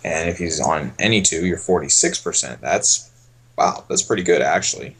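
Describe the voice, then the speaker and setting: A man coaching poker on a casual stream, thinking aloud in a relaxed way as he explains each hand. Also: low voice, normal speed, husky.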